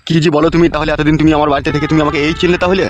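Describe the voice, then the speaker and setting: A man's voice: on the high side, level tone, music in the background, lightly acted. A man voicing a sly scheming father. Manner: brusque, teasing, quick-talking. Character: scheming middle-aged father, sly and bossy. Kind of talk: cartoon comedy voice acting.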